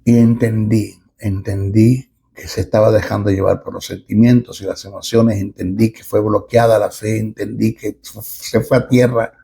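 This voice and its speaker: A middle-aged man preaching a sermon as a pastor, emphatic and with dramatic pauses. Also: on the low side, level tone, creaky, dark tone, husky.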